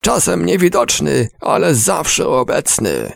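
A man voicing a zealous male soldier who shouts a pompous recruiting call in a storybook reading. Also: on the high side, very animated, takes it slowly, gravelly, no room sound, studio quality, voice pushed up, heavily acted. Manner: shouting a war cry, pompous.

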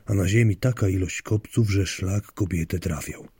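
A man's voice: low voice, moderate pace, mellow, husky, no room sound. A man narrating a story in a wry, dry storytelling manner. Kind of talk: audiobook narration.

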